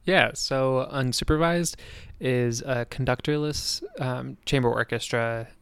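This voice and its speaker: A man speaks as a guest in an interview. His voice is gravelly yet resonant, and the recording sounds dry. He hesitates often, filling pauses with ums and correcting himself. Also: medium pitch, fairly bright tone, dry recording. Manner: hesitant, many fillers and self-corrections. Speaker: musician guest. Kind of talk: interview answers.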